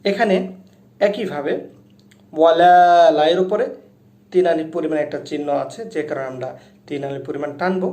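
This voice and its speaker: A man teaching Quran recitation step by step, explaining how each letter is said before chanting each verse slowly and loudly. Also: on the high side. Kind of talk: slow step-by-step recitation lesson. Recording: echoey room.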